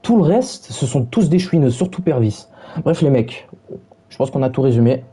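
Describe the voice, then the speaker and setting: A man's voice: medium pitch, moderate pace, warm tone, husky. A young man streaming, reviewing match stats while mockingly taunting his chat in brash slang.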